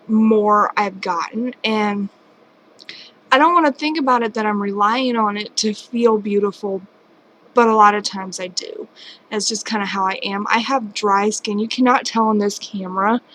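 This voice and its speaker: At home at night, a vlogger in her late twenties rambles candidly to her camera in a casual personal vlog, poking fun at herself. Her voice is medium-pitched and a bit bright, in a low-quality recording with a little hiss or hum.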